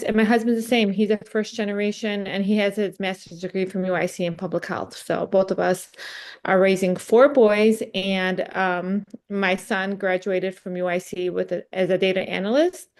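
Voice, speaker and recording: A woman graduate student giving a straightforward, slightly hurried self-introduction in a group meeting. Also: mid-range voice, a little mellow.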